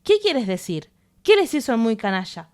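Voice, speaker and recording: A woman's voice: on the high side, sing-song, normal speed, darkish tone. Woman doing a cheerful young sailor. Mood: indignant. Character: cheerful young male ship's officer.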